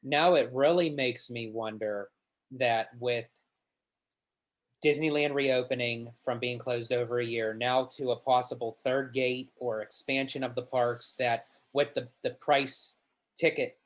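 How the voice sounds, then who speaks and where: A man's voice: medium pitch, steady tone, a little slow. A man co-hosting a casual fan podcast, talking conversationally with wry jokes. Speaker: podcast co-host. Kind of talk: casual chat.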